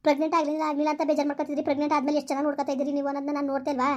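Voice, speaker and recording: A woman's voice: high voice, monotone, darkish tone, close to an everyday voice. A woman playing a suspicious, hurt young pregnant wife who nags her husband in a village comedy skit. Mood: reproachful. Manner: complaining, questioning, rapid.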